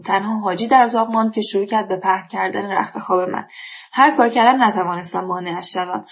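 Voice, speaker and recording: A woman narrating a story in a measured, calm reading at a middling pitch. The recording sounds dull and lo-fi. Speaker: audiobook narrator.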